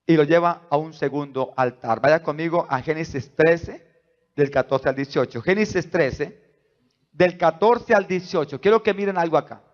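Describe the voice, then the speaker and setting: A male pastor preaching a sermon, asking the congregation rhetorical questions and swinging between soft asides and loud, rising emphasis. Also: a little high, moderate pace. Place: church. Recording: dull lo-fi church recording.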